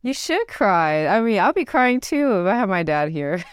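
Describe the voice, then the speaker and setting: A woman's voice: medium pitch, very animated, moderate pace, clean tone, no echo, studio quality. A woman hosting a business podcast, talking with a guest in an encouraging, coaching way. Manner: encouraging, coaching tone, fillers like "you know". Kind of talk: casual podcast interview.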